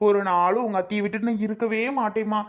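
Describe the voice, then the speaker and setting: A woman's voice: mid-range voice, fairly even intonation, fast talker, lightly acted. A woman voicing an emotional elderly father in a cartoon, pleading with his wife and saying her name over and over. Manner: pleading, affectionate, repeats wife's name. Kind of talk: Tamil cartoon voice acting.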